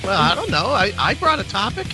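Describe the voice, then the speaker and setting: A man's voice: high voice, huge pitch swings, a little fast, over music, poor audio. A man guesting on a podcast, a radio host himself, teasing and wisecracking in casual chat.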